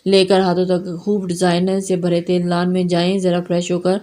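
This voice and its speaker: A woman reading a romance novel aloud as storybook narration, measured and unhurried. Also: fairly low pitch, completely flat delivery, mellow. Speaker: novel reader.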